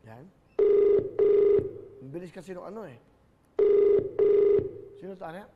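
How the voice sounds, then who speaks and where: A man hosting a live phone-in game show, his voice pitched fairly high for a man. He talks loudly and urgently, coaxing callers to stay on the line. The studio rings with a long hall reverb. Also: expressive, unhurried.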